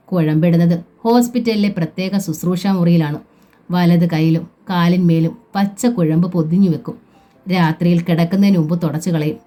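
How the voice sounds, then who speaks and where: Woman reading a novel out loud, low mellow voice, quiet music under it. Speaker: narrator.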